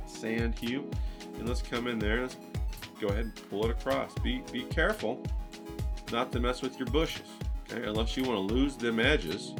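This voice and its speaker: Upbeat guy walking you thru a watercolor lesson, keeps saying okay, bit of music way back. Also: medium pitch. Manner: upbeat, coaxing, keeps checking in with viewers. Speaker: painting teacher. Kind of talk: watercolor painting tutorial.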